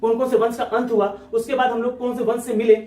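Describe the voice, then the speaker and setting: Fast-talking high-voiced male exam tutor. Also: level tone, warm tone, reverberant, far from the mic. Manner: rapid, repetitive, keeps checking in with listeners. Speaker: exam-prep teacher. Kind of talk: exam-prep lecture.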